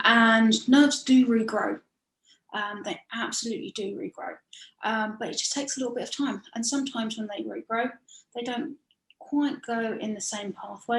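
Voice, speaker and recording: A woman's voice: a little high, gravelly. A woman, talking as an interview guest, chatty and full of analogies and repetition, heard over a video call. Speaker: guest expert. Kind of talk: explanatory interview talk. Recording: echoey room.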